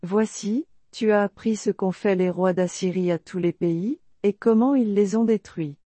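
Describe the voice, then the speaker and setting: A proud, threatening ancient king speaks, as a woman reads his words. The tone is mellow and warm, the sound dry and close. The delivery stays solemn and measured. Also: medium pitch, no echo, natural voice. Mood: scornful.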